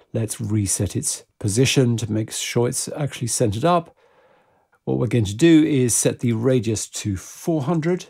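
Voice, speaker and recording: A man with a gravelly, husky, mid-range voice gives an unscripted software tutorial. He works through it methodically, explaining each step as he goes.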